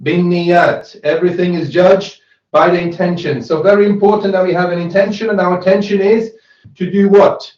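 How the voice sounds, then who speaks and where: A man leads a religious class in a high-pitched voice. He keeps putting questions to his listeners and repeats key phrases for emphasis. The room around him is audibly echoey. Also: fairly even intonation, a little fast, darkish tone, muffled recording. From Switzerland. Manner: questioning, repeats phrases, adds "right?" often. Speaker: Islamic studies teacher. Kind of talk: interactive religious lesson with question and answer. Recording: roomy, echoey sound.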